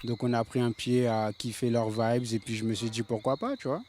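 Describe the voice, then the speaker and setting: Crowd noise surrounds this casual interview with a late-thirties reggae singer from the Paris suburbs. He speaks fairly quickly in a steady, mid-range voice, relaxed and peppering his talk with fillers.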